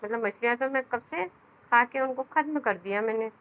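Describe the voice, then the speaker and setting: A woman's voice: a little high, fairly quick. A woman teacher explaining a children's story, retelling each line again in simpler words. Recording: dull lo-fi sound.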